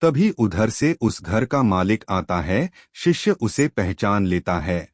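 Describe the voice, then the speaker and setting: A man narrating a scripted moral story in a measured, instructive storytelling way. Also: fairly low pitch, sing-song, no echo, studio quality.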